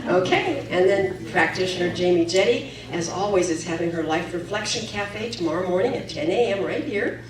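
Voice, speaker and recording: A woman's voice: fairly low pitch, lively intonation, moderate pace, hardly any pauses, crowd noise. A woman giving chatty announcements at the end of a church service. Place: large church hall. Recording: echoey hall from far off with audience.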